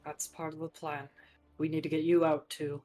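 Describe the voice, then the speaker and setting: A player acting out a young man in a tabletop fantasy role-play. He is blunt and terse, with a sardonic, protective edge, at a middling pitch. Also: flat delivery, normal speed, a little mellow, soft background music, lightly acted. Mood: bitter, protective.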